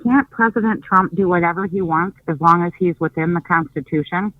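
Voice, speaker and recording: A woman's voice: on the low side, steady tone, fairly quick, dry recording. Plain-spoken woman caller on a phone line. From Michigan. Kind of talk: call-in question.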